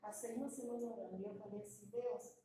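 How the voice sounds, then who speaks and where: A woman's voice: mid-range voice, racing, mellow, a little hiss or hum. A middle-aged woman from Brazil giving an emotional, confiding testimony to her congregation. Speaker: preacher. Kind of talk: testimony sermon. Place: church hall. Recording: echoey church hall, mic far off.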